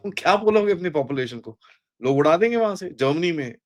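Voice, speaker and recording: A man with an Indian accent giving an animated political analysis, mixing in English phrases and acting out quoted speech. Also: fairly high pitch, fairly quick. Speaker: guest analyst. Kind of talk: casual political discussion.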